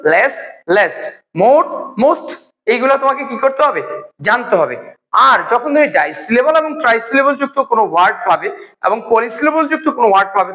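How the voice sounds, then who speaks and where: A man teaching a video lesson, who asks the class a question and answers it himself, and spells out word forms slowly one by one. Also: very high-pitched, a bit bright, rough recording. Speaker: English teacher.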